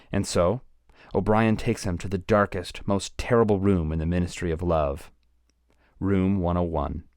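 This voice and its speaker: Deep-voiced man retelling a story gravely. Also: a little mellow, no echo, clean studio sound. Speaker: book channel host. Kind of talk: dramatic retelling of a novel.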